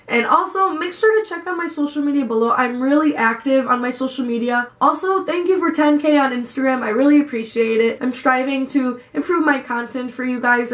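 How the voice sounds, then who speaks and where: A woman's voice: sits high, reverberant. A young woman vlogger telling a story in a gushing way and saying "like" a lot. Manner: gushing, lots of "like". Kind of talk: casual vlog storytelling.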